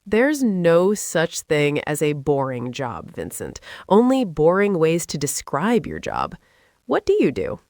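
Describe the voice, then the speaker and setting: A woman's voice: deep voice, wildly swooping pitch, a little slow, darkish tone, no echo, studio quality. An American woman teaching English in a scripted conversation, playful and teasing with an upbeat manner. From United States.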